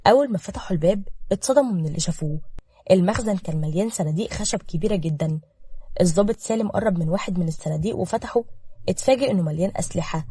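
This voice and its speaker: Fast-talking Egyptian woman storyteller. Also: on the low side, warm tone, husky, no echo. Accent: Egyptian Arabic. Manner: brisk, dramatic storytelling. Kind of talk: scripted narration with acted dialogue.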